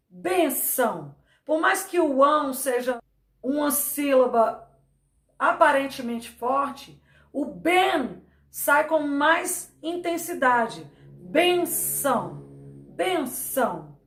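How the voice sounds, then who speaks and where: A woman teaches a grammar lesson in a high voice. She speaks slowly and repeats each example word to stress its syllables. The room gives her voice a noticeable echo. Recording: echoey room.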